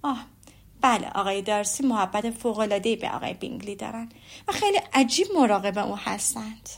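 A woman reading the lines of a witty, teasing young lady in a storybook, with an ironic, lively manner. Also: mid-range voice, gravelly.

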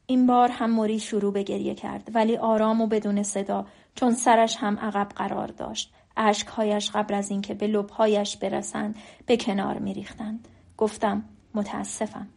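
A woman narrating an audiobook in a calm, even storytelling manner. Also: mid-range voice, vocal fry. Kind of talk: audiobook reading.

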